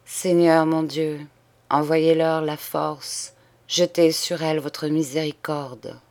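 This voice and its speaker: A woman reading aloud, voicing an old priest who speaks softly and gently to a dying woman. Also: low-pitched, little pitch movement. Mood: gentle. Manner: soft, gentle and slow.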